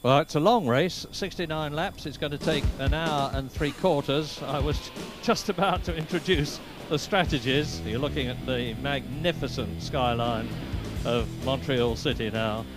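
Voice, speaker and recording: A man giving brisk, informative live motor racing commentary from a commentary box. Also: medium pitch, music in the background. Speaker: lead race commentator. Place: commentary box at a race circuit.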